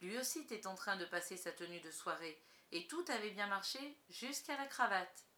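Bright-voiced woman reading a story. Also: mid-range voice, animated, normal speed. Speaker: narrator. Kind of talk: audiobook reading.

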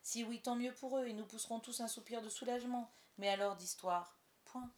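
A woman narrating a storybook aloud with expressive storytelling. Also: fairly high pitch, fairly quick. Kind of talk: audiobook narration.

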